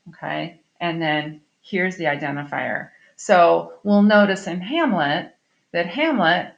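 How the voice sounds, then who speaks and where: Woman teacher, recorded lesson; lower voice with some fry, chatty and explanatory. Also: muffled recording. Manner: explanatory, chatty, frequent "um" and "okay?" check-ins. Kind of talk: recorded online class lesson.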